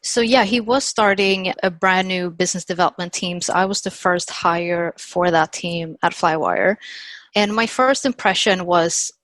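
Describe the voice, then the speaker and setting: A woman in her thirties, from Sweden, telling her story as a podcast guest in a chatty, animated way. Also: fairly low pitch, moderate pace, no room sound. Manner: chatty, animated retelling with quoted dialogue and frequent "like". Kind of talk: casual storytelling interview.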